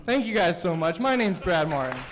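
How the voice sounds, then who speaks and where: A man's voice: sits high, sing-song, fairly quick, background noise. A young man doing open mic stand-up in a small studio. He is brash and profane, teases the crowd, and has a thick, mushy way of saying his words. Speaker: stand-up comedian; teacher. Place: small comedy studio stage.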